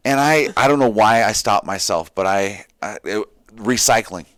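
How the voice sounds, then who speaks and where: A man's voice: lowish voice, normal speed, a bit bright, no room sound, clean studio sound. A man who is a podcast guest, telling stories in a blunt, profane, casual way. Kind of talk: casual chat.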